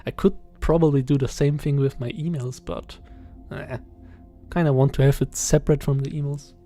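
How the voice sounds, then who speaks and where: A young man in his twenties with a German accent, talking casually in a podcast-style voiceover, hesitant and halting with many fillers and soft chuckles. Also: mid-range voice, steady tone, faint music behind. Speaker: channel host. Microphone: voiceover recorded separately.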